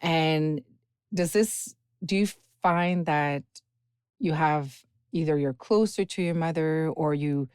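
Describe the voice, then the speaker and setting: A woman's voice: sits low, slow pace, a little mellow, clean tone, no echo, studio quality. A woman hosting a podcast interview, asking long, winding, encouraging questions. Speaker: podcast host.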